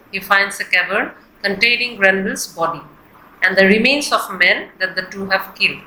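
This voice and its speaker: Bright-voiced woman teaching in an echoey room. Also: medium pitch. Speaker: literature teacher. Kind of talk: scripted lesson narration, explanatory. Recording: echoey, roomy sound.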